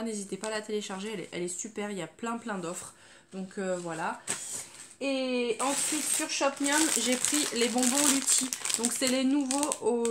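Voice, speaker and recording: A woman's voice: medium pitch, a little hiss or hum. A woman chatting casually through her grocery haul, full of fillers and trailing off with "voilà". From France. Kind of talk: casual haul video chat.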